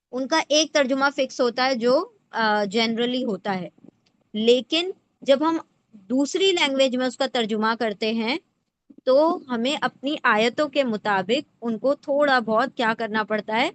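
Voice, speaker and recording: Female teacher voice, slightly high pitch, spells out word parts slowly with frequent check-ins, light background hiss. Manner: checks in often with rhetorical questions; breaks words into parts slowly. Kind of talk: explanatory lesson.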